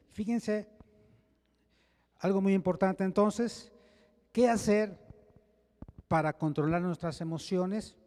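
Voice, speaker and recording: A man's voice: on the high side, mellow. Earnest preacher man in an echoey hall. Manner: earnest, conversational preaching with frequent restarts and rhetorical "¿sí?". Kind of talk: sermon. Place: church.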